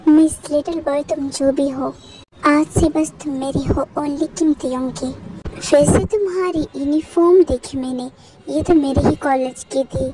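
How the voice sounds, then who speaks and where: A woman's voice: high voice, fairly even intonation, a little slow, background noise. A woman voicing a rude, possessive male college professor who scolds and then dotes. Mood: doting. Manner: teasing and bossy, softening into doting. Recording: music playing under the voice.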